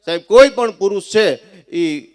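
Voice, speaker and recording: A man with a Kathiawadi Gujarati accent telling comic folk stories live, animated, often addressing his listeners as sir. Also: high voice, measured pace. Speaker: folk storyteller and schoolteacher.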